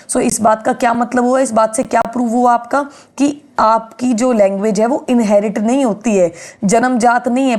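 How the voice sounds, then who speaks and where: A woman's voice: a little high, a little mellow, rough recording. A woman teaching an exam-prep lecture, explaining step by step and asking and answering her own questions.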